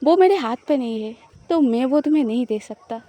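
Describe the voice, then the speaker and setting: A woman voicing a playful, possessive young wife who teases her partner, in a high, mellow voice. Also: animated, a little fast. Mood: teasing.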